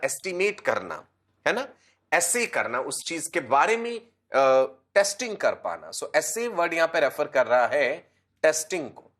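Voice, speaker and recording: Slightly hoarse from a mild cold, a male teacher runs an online class, patiently calling his students "beta" and repeating key terms. His voice sits fairly high, with a bright, forceful tone.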